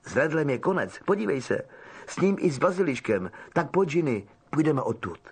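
A man voicing a steady, brave teenage boy who speaks calmly and reassuringly. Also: a little high, husky, exaggerated voice. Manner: calm and reassuring.

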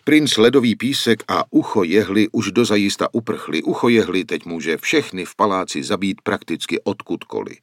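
A man's voice: deep voice, lively intonation, few pauses, dry recording, clean studio sound. A man voicing an old wandering painter who explains in an earnest, solemn way. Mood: grave. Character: old wandering male painter, grave and worried.

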